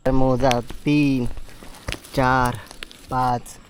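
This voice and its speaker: A man's voice: medium pitch, little pitch movement, drawn-out words, a little hiss or hum. Man with a Konkan Marathi accent, foraging outdoors. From Konkan, India. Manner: repetitive pointing-out, walking while talking. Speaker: vlogger foraging wild mushrooms. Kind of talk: casual walking vlog narration. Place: outdoors in forest and fields.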